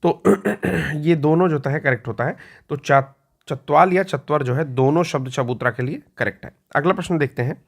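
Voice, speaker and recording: In a slightly high voice, a man lectures to help students get ready for an exam. His explanations are patient, he goes back over important words at a slow pace, and he often stops to clear his throat.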